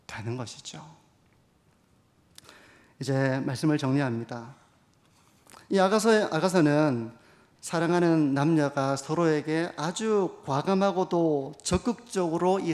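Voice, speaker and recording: A middle-aged man preaching a sermon as pastor, earnest, acting out the warm and scolding words of the people he quotes. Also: a little high.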